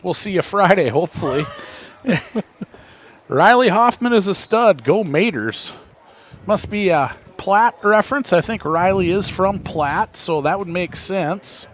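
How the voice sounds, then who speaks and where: A man's voice: high voice, animated, measured pace, a little hiss or hum. Chatty baseball play-by-play man. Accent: American Midwest. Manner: chatty, reads viewer texts aloud. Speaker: play-by-play announcer.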